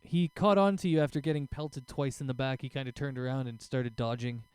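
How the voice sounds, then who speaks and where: A man's voice: mid-range voice, steady tone, a little fast, darkish tone, clean tone, no room sound. A man acting as game master, casually narrating a tabletop role-playing game.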